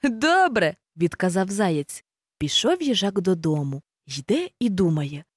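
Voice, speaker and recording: A woman reading a fairy tale aloud as storyteller, expressive and animated. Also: on the low side, measured pace, breathy edge, dry recording, clean studio sound.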